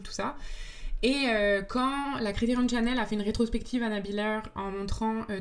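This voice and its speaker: Enthusiastic young woman discussing film. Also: medium pitch. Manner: thoughtful, searching for words, enthusiastic. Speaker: podcast guest, comics author and film student. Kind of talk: casual interview talk.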